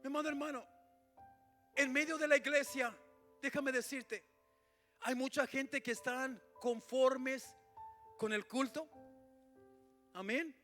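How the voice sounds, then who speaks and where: A male pastor preaching a sermon in church. He swings between shouted lines and hushed asides and keeps calling out to his congregation. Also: extremely high pitch, fairly even intonation, slow pace, long pauses, soft background music.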